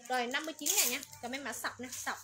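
A woman running a livestream clothing sale, rattling off colors, sizes and prices in quick, repetitive patter. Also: sits high. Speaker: online clothing seller. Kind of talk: livestream sales pitch. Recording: noisy background.

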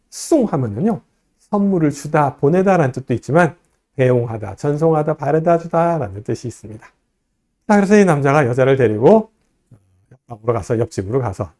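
A man lecturing on Chinese, reading each line slowly before translating it and acting out quoted dialogue. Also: dark tone. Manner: reads Chinese lines slowly, then translates; acts out quoted lines in a higher, livelier voice. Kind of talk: explaining an ad scene line by line.

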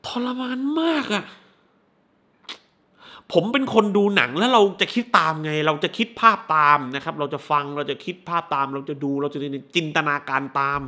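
A man doing a casual spoiler recap of a movie, crude and animated, who swears freely. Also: a little high, brisk, few pauses.

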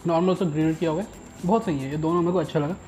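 A man's voice: fairly high pitch, fairly even intonation, rapid-fire, darkish tone, faint music behind, rough recording. A young man vlogging a casual food review, chatting as he tastes dishes at an outdoor rooftop restaurant. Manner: chatty, tastes and comments between bites.

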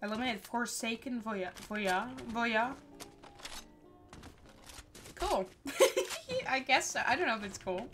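Over music, a young woman from the Netherlands speaks in a sing-song, somewhat high voice at a slow pace with long pauses. She laughs and chats casually in her Dutch accent while gaming on stream and reading chat aloud, with clear background noise.

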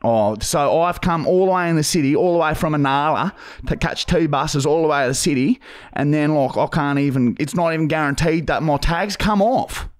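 On a prank call recorded in a podcast studio with a close boom-arm mic, a thirties Australian podcast host plays an aggrieved, dim-witted bogan customer. He rambles, wheedles, repeats himself, and swears in slang, his fairly high voice natural and at normal speed.

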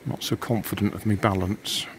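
Older man, low voice, windy outdoors. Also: fairly even intonation, normal speed. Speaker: vlogger. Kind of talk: casual outdoor vlog commentary. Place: outdoors on a windy seaside breakwater. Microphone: handheld camera microphone. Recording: wind noise buffeting the microphone outdoors.

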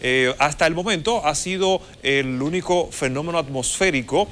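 A man's voice: fairly high pitch, normal speed, fairly bright tone, slight background noise. A man explains the weather live in a formal, explanatory way as a TV forecaster. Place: TV studio. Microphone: lapel mic.

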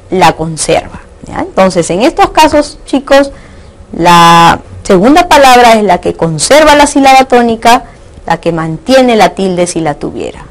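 A woman's voice: mid-range voice, rough recording. Woman from Peru, teacher, recorded online grammar lesson, patient, asks rhetorical questions. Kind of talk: online lesson on Spanish accent marks.

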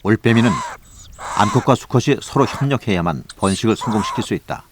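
A man narrating a scripted nature documentary in a measured, formal storytelling manner. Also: lowish voice, lively intonation, a little hiss or hum. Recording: voice over background music. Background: music.

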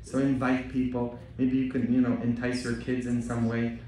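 Priest, middle pitch, preaching and joking with the pews, heard from afar in a very echoey church. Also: male voice, monotone, moderate pace, distant mic, slight background noise. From Poland. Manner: joking, bantering with the congregation, rising to loud exhortation. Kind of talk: Easter homily and parish announcements. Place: large church.

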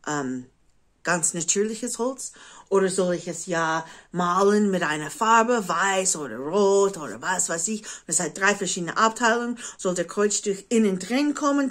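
A woman craft vlogger in her forties chats casually in German with an American English accent. Her pitch sits in the middle. As a native English speaker she speaks haltingly, searching for words and sometimes slipping into English. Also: fairly bright tone. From United States. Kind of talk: casual chat to camera. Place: living room at home, indoors.

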